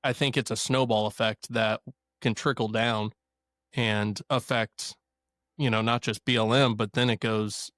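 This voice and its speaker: A man's voice: on the low side, steady tone, a little slow, a bit bright, no room sound, studio quality. Chatty male guest, from Missouri. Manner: chatty, laughs easily, storytelling. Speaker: podcast guest. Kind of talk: casual conversation.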